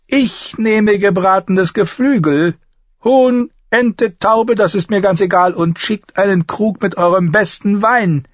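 A man voicing a sharp-tongued dwarf nobleman with a dry, sardonic manner in an audiobook reading. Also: sits high, takes it slowly, dry recording, dull audio, voice pushed up. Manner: sardonic, commanding.

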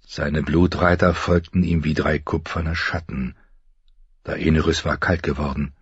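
A man reading a novel aloud in a measured, grave manner. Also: extremely low pitch, level tone, husky, no echo, muffled recording. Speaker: audiobook narrator. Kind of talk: scripted narration.

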